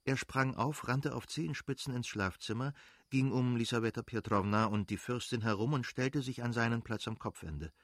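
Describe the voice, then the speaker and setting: A man reading a literary novel aloud as narrator, measured and dramatic. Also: mid-range voice, dry recording, studio quality. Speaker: audiobook narrator.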